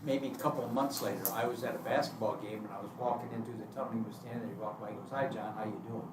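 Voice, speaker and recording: A man's voice: mid-range voice, fairly even intonation, rapid-fire. A man in a ministry class telling anecdotes from his own life during casual discussion. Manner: storytelling, anecdotal. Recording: distant, roomy, noisy room mic.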